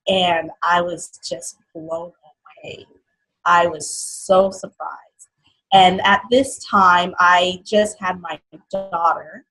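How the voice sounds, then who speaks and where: A young woman from Haiti tells her own life story as a guest, earnest and halting, with fillers. Her voice is husky and sits a little low. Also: fairly even intonation, fairly bright tone, rough recording. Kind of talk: personal story in an interview.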